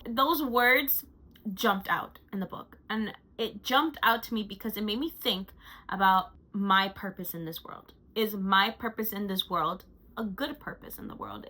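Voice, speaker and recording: A woman's voice: medium pitch, animated, unhurried, sharp tone, rough recording. A woman vlogger chatting casually through a monthly recap, gushing and chatty with frequent fillers. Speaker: lifestyle vlogger.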